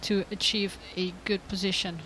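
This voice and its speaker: An upbeat woman co-commentates on pool at a medium pitch for her voice, laughing easily as she explains cue-ball control. A faint hum of noise sits under her voice. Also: level tone, moderate pace, a bit bright, low-quality recording. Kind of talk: live sports commentary.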